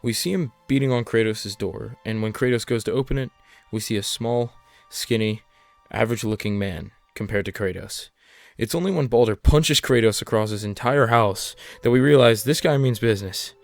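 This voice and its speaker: Male video-essay narrator, lower-pitched, scripted explainer read over a music bed. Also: normal speed, vocal fry, no echo.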